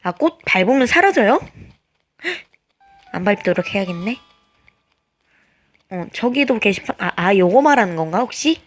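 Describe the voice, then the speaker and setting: A woman with a naturally high voice, chatting casually as she plays a life-sim game, hesitant and full of little filler sounds. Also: sing-song, normal speed, pauses often. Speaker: game streamer. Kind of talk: casual gameplay commentary.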